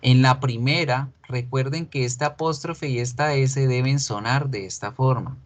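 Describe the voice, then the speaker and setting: A man teaching an English grammar class online. He explains patiently, asks the students questions, and repeats example sentences slowly so they can copy the pronunciation. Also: medium pitch, low-quality recording.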